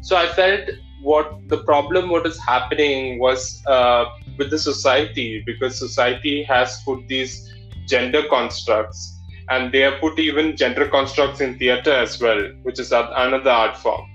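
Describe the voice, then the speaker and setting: A man with a Malayali Indian English accent telling his own story as an interview guest, in a halting way with plenty of filler phrases. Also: mid-range voice, a bit bright. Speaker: interview guest, drag performer. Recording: dull lo-fi audio with music.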